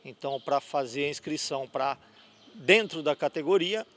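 In an interview inside a sports gym, a middle-aged man who organizes a youth futsal cup explains the rules into a handheld reporter mic, using fillers as he goes. His voice is on the high side and a bit bright, with lively intonation and a moderate pace.

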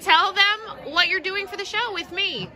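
A woman's voice: extremely high pitch, moderate pace, music in the background. A young woman chatting bubbly and upbeat while interviewing a teacher for a vlog. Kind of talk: casual chat. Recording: loud crowd outdoors.

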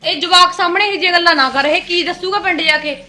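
A woman's voice: very high voice, fast, pushed and bright. A woman playing a stern elder sister-in-law in a family short film, lecturing and scolding the younger wife. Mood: chiding.

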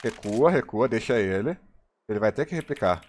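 A man's voice: on the low side, expressive, normal speed, a little hiss or hum. A man with a Brazilian Portuguese accent, giving hyped, slang-filled live commentary as he plays a shooter and calls plays to his teammates. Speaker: gaming streamer.

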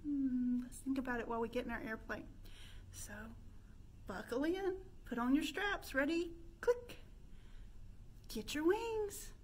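In a room with a stone fireplace, a woman in her thirties hosts an interactive pretend-play storytime, putting sing-song questions to young children. The librarian's voice sits high, at a measured pace with many pauses, and there's slight background noise.

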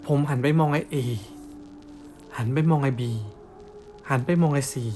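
A man's voice: on the high side, steady tone, normal speed, a little mellow, soft background music. A young man telling a ghost story in blunt, casual, slangy talk.

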